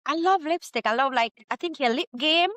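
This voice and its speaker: Bright-voiced Jamaican woman in her thirties. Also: sits high, fairly quick, no echo. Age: 30s. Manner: lively, chatty, quotes herself often. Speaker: guest entrepreneur. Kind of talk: candid storytelling interview.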